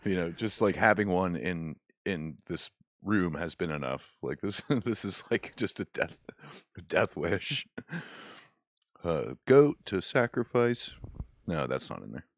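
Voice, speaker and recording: A man's voice: low voice, sing-song, measured pace, no echo, studio quality. A man hosting a podcast, reading listener stories aloud and joking casually with a co-host. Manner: laid-back, jokey, swears casually.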